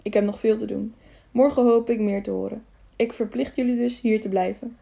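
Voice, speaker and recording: A woman's voice: medium pitch, fairly even intonation, fairly quick, gravelly, mellow, natural voice. A woman reading the part of a stern, honest older male councillor who speaks firmly and with authority. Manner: firm, commanding.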